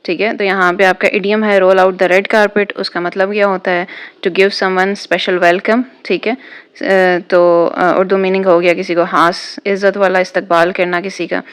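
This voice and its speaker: A woman teaching a school lesson, patient and repetitive, who reads example sentences out slowly and deliberately. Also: medium pitch, level tone, clear, resonant tone. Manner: patient, repetitive, keeps saying "okay". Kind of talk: exam-prep lesson explaining idioms.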